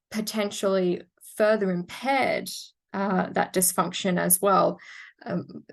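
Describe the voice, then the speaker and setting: A woman presents medical research in an academic webinar, measured and technical but with frequent fillers and restarts. She is losing her voice and sounds hoarse, with a mid-range pitch.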